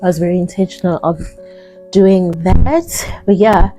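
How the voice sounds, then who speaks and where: A young woman, heavily pregnant and a little out of breath, chatting casually to camera in a vlog with soft laughs and frequent ums. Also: fairly low pitch, measured pace, faint music behind. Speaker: vlogger.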